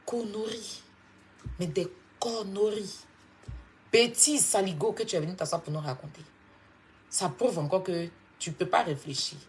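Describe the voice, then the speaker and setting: A woman from Côte d'Ivoire with an Ivorian French accent, delivering a confrontational, mocking monologue that swings from loud outbursts to low scolding. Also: measured pace, long pauses, a little hiss or hum. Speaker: online commentator. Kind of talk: heated clash monologue.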